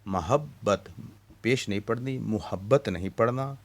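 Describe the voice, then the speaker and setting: A man teaching an Urdu lesson to young children. He recites lines of a poem slowly and then explains the vowel marks one by one, with a Pakistani Urdu accent. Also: low-pitched.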